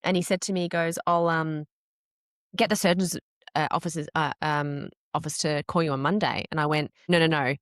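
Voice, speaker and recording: Candid woman telling her story, low-ish voice. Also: moderate pace, no room sound, clean studio sound. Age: 30s. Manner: candid, animated, swears casually. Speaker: podcast guest. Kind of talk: emotional personal storytelling.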